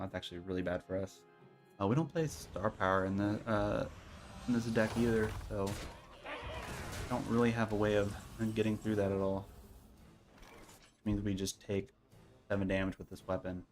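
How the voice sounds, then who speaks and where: Low-voiced man, casual gameplay commentary. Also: a little mellow. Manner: low-key, thinking aloud. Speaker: streamer playing a card game. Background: faint game music.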